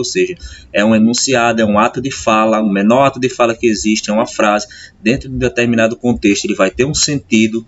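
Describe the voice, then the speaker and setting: Brazilian male teacher, patient, check-in style. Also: mid-range voice. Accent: Brazilian Portuguese. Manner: explains patiently, with frequent "tá?" and "né?" check-ins; drawls key terms slowly and speeds through asides. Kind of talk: classroom grammar lesson. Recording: slightly dull lo-fi sound with faint hiss.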